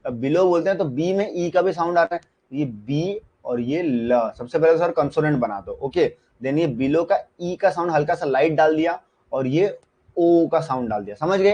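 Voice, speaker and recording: A man teaches a live online shorthand class, his voice sitting somewhat high. He talks in a loose, chatty way, repeating himself and asking students whether they follow. The sound is dull and lo-fi. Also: a little mellow.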